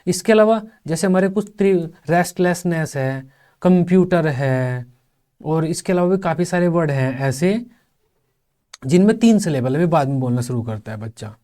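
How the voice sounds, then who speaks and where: Young male teacher-trainer, slightly high-pitched, patient step-by-step lecture with drawn-out syllables. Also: expressive, mellow. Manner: explains step by step, repeating and sounding out syllables slowly. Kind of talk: online exam-prep lecture.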